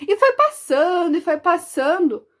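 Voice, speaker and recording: A woman preschool teacher from Brazil telling a story to young children in an expressive, sing-song way. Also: extremely high pitch, unhurried.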